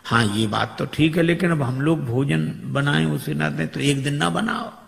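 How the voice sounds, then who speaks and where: A man's voice: on the high side, moderate pace, gravelly. A man giving a storytelling sermon, acting out characters' voices with humour. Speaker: preacher. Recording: echoey hall with long reverb.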